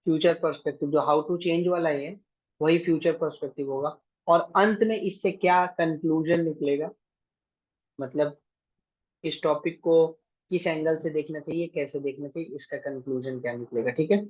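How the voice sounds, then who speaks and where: A man's voice: a little high, steady tone, moderate pace, a little mellow, breathy edge. Male teacher, online class, directive, keeps checking in, dull lo-fi audio. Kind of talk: online exam-prep class.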